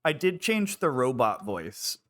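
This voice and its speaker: A man's voice: medium pitch, very animated, a little slow, fairly bright tone, dry recording. A man streaming live, chatting casually while feeling sick, rambling with lots of filler words. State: unwell and queasy.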